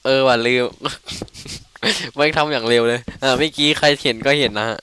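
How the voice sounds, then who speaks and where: A man's voice: medium pitch, fairly even intonation, very fast, sharp tone, slight background noise. A man casually commenting on his game playthrough, joking and swearing as he goes. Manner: crude, joking, rambling. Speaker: gamer. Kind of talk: casual let's play commentary.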